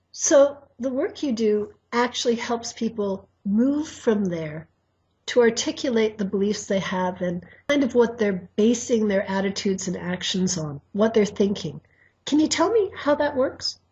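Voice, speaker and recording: A woman's voice: mid-range voice, expressive, a little slow, darkish tone, highs cut off. A woman interviewer who affirms the answer and sums it up before asking a question.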